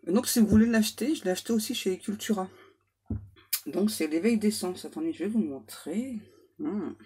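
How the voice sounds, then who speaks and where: A woman's voice: medium pitch, moderate pace, dark tone, slight background noise. A woman medium giving a casual oracle card reading, chatty and self-mocking as she banters aloud with her spirit guides.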